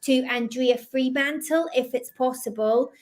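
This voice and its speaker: A woman with a slight Scottish accent speaks quickly and gently, her voice sitting high and light. She gives reassuring psychic readings over a video call on a live stream. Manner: fast-talking, gentle and reassuring. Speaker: psychic medium.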